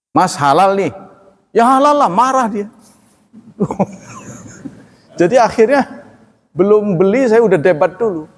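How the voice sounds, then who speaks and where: A man giving a sermon as an Islamic preacher, lively and conversational, acting out short dialogues and laughing between points. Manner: animated, acts out dialogues with raised pitch. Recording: long hall reverb.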